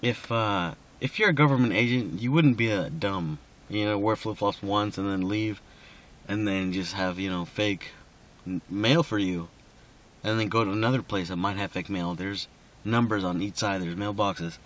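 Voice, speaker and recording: A man's voice: fairly low pitch, normal speed, fairly bright tone. A drunk man rambling casually in a personal recording, slightly slurring and losing his thread.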